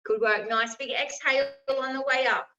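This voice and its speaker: Female fitness instructor, high-pitched, encouraging, calling out exercise cues; roomy, distant recording. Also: steady tone, moderate pace. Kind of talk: live workout coaching with encouraging cues. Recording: roomy, distant mic, slightly dull.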